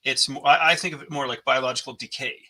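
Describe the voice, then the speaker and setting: A North American man hosts a podcast interview, speaking conversationally in a thoughtful, searching way with many restarts and fillers. His mid-range voice is steady and sharp, and he talks fast.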